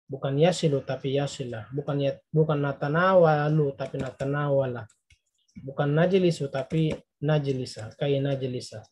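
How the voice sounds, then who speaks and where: A man's voice: mid-range voice, normal speed, a little mellow, slightly rough. A man giving a recorded Arabic grammar lesson, explaining patiently and translating each word. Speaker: Arabic teacher.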